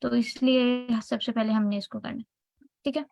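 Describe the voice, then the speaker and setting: A woman's voice: on the high side, fairly even intonation, moderate pace, creaky, a little mellow, dry recording, poor audio. A woman with a Pakistani accent teaching an online class, explaining step by step and often checking that students follow.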